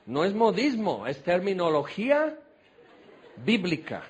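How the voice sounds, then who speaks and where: A Mexican man preaching a sermon, switching between quiet scripture reading and excited, folksy storytelling. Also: measured pace, a little hiss or hum. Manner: animated, shifts from low quiet scripture reading to excited shouting; conversational, folksy storytelling with fillers like "este".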